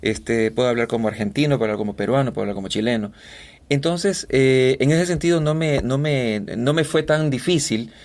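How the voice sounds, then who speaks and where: A man's voice: mid-range voice, fairly quick. Ecuadorian male voice-over guest, chatty. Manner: animated storyteller, many fillers and restarts. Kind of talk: casual interview chat.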